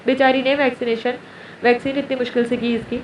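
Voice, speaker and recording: Woman reading sulky young mother, plain complaining tone, highish voice. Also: flat delivery, close to an everyday voice. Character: exasperated young mother, sulking. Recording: roomy, distant, dull, faint hiss.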